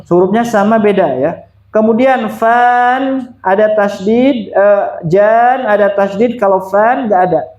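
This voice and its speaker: A man's voice: high voice, a little slow, a little mellow, echoey room, muffled recording. A man teaching Quran recitation, patiently repeating and demonstrating pronunciations for a student. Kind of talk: one-on-one recitation lesson.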